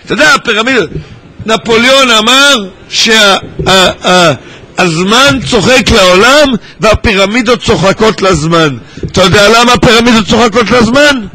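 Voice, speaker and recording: In a big synagogue hall, an Israeli man with a high, bright voice addresses a lively student gathering, joking around, teasing, and singling out people in the crowd by name. The recording quality is rough.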